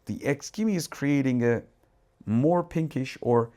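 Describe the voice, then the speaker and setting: A man from Turkey with a Turkish accent demos a product live and casually, narrating settings while he changes them in a dark home cinema room. He speaks a little slowly at medium pitch, thinking aloud with restarts and asides as a tech reviewer.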